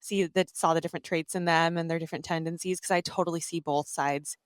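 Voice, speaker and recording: A woman co-hosts a casual podcast interview with chatty, animated speech full of fillers. Her voice sits a little low, and the recording is dry and close. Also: quick pace, no echo. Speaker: podcast co-host.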